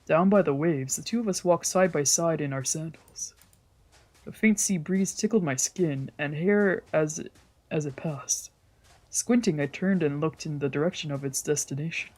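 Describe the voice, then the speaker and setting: A streamer's mid-range, slightly mellow voice carries the scripted narration of a visual novel at a moderate pace in this let's play. There are occasional slips and rereadings, and the visual novel's music sits in the background.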